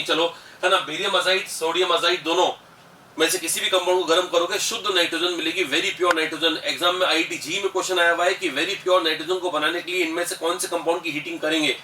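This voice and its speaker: A high-pitched, bright-toned middle-aged man with an Indian accent lectures on chemistry in a patient, explanatory way, calling his students beta. He is recorded in an echoey room from some distance off the mic, with a faint hiss behind him. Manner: explanatory, addresses students as beta, mixes English terms. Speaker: chemistry teacher. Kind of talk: classroom lecture.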